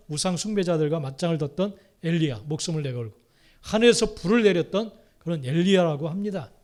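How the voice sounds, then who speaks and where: Male pastor, high voice, theatrical sermon delivery, dips to a hush and rises sharply. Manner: dramatic, acts out quoted lines with swings in volume.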